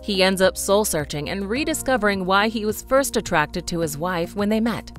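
A woman narrating a scripted video voice-over in an even, informative way. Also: mid-range voice, normal speed, faint music behind.

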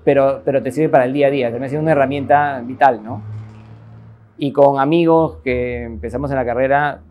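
A reflective Peruvian man in his forties talks at an even, unhurried mid pitch. He muses aloud, filling pauses and ending thoughts with a questioning tag, seated in an office. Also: narrow, tinny audio, slight background noise. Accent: Peruvian Spanish, Lima. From Lima, Peru. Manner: thoughtful, many fillers and "¿no?" tags. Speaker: architect interviewee. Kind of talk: reflective interview monologue. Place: office with bookshelves, indoors.

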